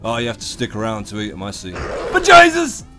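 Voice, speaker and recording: A man's voice: on the low side, level tone, racing. A British man hosting a gaming video, giving profane, colloquial comedic commentary in a theatrical, irreverent, mock-grandiose way. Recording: voice over a music bed. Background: music.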